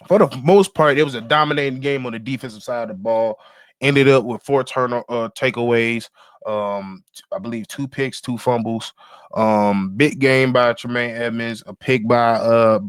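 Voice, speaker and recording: A man's voice: mid-range voice, no echo, clean studio sound. A young man hosting a sports podcast in a loose, casual way, full of fillers and slang. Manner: loose and conversational, with frequent fillers and swearing.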